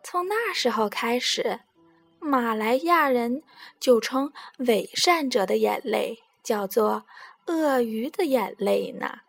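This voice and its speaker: A woman narrating a bedtime story for young children in a gentle, soothing way. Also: fairly high pitch, animated, slow pace, vocal fry, soft background music.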